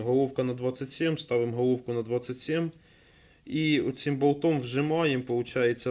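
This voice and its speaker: A man's voice: mid-range voice, a little mellow. Man thinking aloud at the workbench. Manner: thinks aloud while working, trailing off and restarting; talks to viewers as friends. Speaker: DIY mechanic vlogger. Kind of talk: casual hands-on repair commentary.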